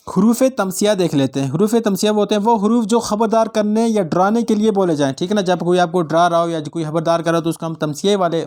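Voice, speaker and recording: A male teacher giving an exam-prep grammar lesson, explaining slowly, repeating each point and putting questions to his students. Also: sits high, darkish tone.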